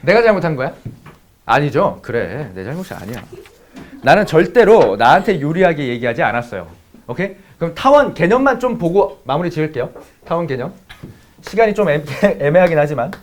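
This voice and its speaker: A man's voice: fairly high pitch, very animated, brisk, slight background noise. A man teaching math to students, mixing a blunt, profanity-laden personal story into a casual lecture. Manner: blunt, swears freely, talks straight to students.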